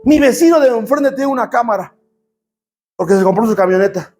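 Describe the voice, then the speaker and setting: A middle-aged man preaching a sermon as pastor, calling for responses and shouting for emphasis. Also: extremely high pitch, animated, a little fast, soft background music.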